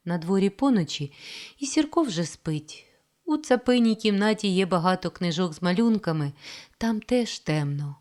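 Female audiobook narrator, calm measured reading, low-pitched, animated intonation. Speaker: audiobook reader. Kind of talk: scripted narration.

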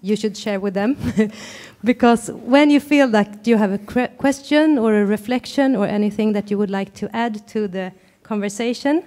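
A woman organiser explaining how a panel discussion will work, friendly and a little halting. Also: mid-range voice, darkish tone. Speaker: moderator. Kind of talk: explaining the event format.

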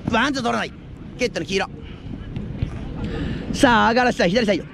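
A man giving live futsal commentary outdoors, with excited calls that rise into drawn-out goal shouts. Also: very high voice, vocal fry. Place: outdoor floodlit futsal pitch at night. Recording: outdoor action camera with ambient noise.

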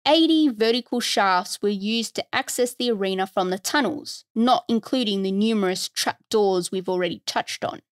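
A woman's voice: medium pitch, normal speed, hardly any pauses, no room sound, clean studio sound. A woman hosting a history podcast, reading a scripted narration in a conversational tone with wry asides. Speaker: podcast host.

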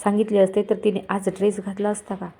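A woman's voice: medium pitch, monotone, fast, gravelly, mellow, breathy edge. A woman reading the part of a strict, old-fashioned mother-in-law who scolds harshly. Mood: scolding.

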